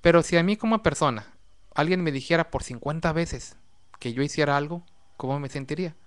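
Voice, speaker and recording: Guy on a church talk show, smooth clear voice, bit high, goes on listing things and asking what if. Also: a little fast. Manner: explanatory, repetitive listing, rhetorical questions. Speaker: co-host of a religious discussion program. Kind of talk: casual religious discussion.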